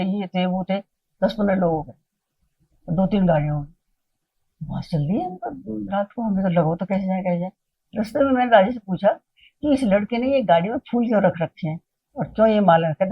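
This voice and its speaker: A woman's voice: medium pitch, husky, lo-fi sound. A woman sharing her personal devotional experiences, retelling events vividly and acting out the dialogue, slipping English phrases into her talk. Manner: mixes English phrases into Hindi. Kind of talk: personal storytelling.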